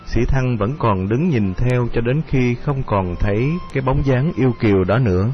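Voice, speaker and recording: A man narrating an audio story in a slow, measured, melancholy reading. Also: medium pitch. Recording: dull lo-fi audio with music.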